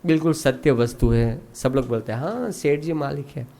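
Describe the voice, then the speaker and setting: Man playing a beaten-up, wise servant; quiet, slow, low. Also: gravelly, slight background noise, lightly acted. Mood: wry. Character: beaten, wry, philosophical male servant.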